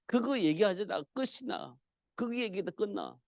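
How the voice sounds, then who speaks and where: A man's voice: high-pitched, animated, normal speed, gravelly, a little mellow, no room sound, studio quality. A man preaching a midweek church sermon, talking to the congregation in a conversational way and asking rhetorical questions that he then answers himself. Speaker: pastor.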